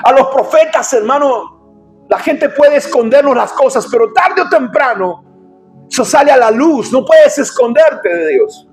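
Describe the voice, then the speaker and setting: A man, a pastor, preaching a sermon urgently and emphatically, at times breaking into shouts. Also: extremely high pitch, animated, measured pace, faint music behind.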